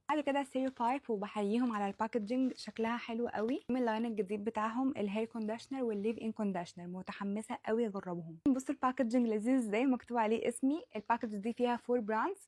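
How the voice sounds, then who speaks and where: Egyptian woman, beauty influencer, unboxing vlog; quick, gushing delivery, slightly high voice. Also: darkish tone. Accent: Egyptian Arabic. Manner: gushing, rapid listing of products.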